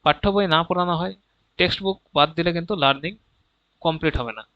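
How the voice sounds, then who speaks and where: A man's voice: on the high side, a little fast, dry recording. A man with a Bengali accent teaching exam preparation, reading each question and explaining the answer, mixing English terms and checking in with listeners often. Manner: reads each question, then explains answers with frequent "ঠিক আছে?" check-ins. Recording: dull, dry lo-fi audio.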